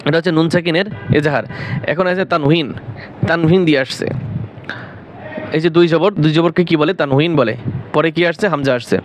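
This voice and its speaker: Teaching Quran recitation at a slow pace, this man speaks with a Bangladeshi Bengali accent, breaking letters into syllables and lengthening the words he recites. He regularly questions himself and supplies the answers. The voice is highish and steady in tone, with a faint hiss or hum.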